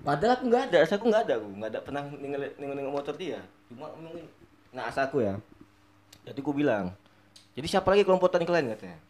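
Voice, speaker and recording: A young man telling a story in casual chat, animated and laughing often as he acts out what people said. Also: mid-range voice, rapid-fire. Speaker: storyteller guest.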